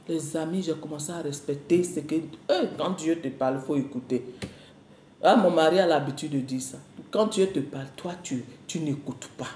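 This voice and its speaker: Lady preaching her testimony, lots of exclamations, mellow voice, echoey room. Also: deep voice, moderate pace, a little hiss or hum. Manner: animated, repetitive, storytelling with exclamations. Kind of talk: testimony to a congregation.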